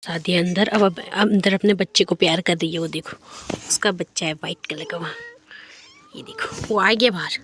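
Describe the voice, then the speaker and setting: A woman's voice: lowish voice, steady tone, normal speed, a bit bright, slightly rough. A young woman chatting casually in a home vlog, teasing and talking straight to her viewers. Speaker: vlogger.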